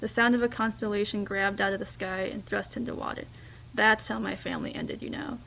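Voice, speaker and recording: A woman reading a first-person story aloud, in a hushed, reflective way with small slips and restarts. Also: mid-range voice, steady tone, a little fast, vocal fry, a little hiss or hum, rough recording. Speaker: reader.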